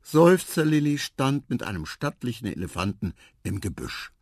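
Man reading a kids' bedtime story, gravelly low voice, huge swings in pitch, gentle. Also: big pitch swings, normal speed, no echo, clean studio sound. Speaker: narrator. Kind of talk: children's radio story reading.

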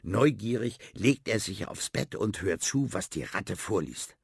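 A man narrating a children's story in a lively storytelling manner. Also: on the low side, measured pace, creaky, breathy edge, no room sound, clean studio sound.

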